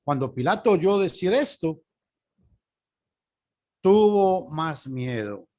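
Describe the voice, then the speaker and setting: A man reading scripture aloud as a Bible teacher. His reading is measured, and he lifts his voice for quoted speech. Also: a little high, expressive, warm tone.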